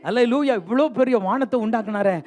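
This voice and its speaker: High-voiced exhorting preacher. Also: male voice, fast, darkish tone. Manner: exhorting, teasing the congregation, repeating refrains. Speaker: pastor. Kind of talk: lively bilingual sermon with call-and-response. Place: church sanctuary.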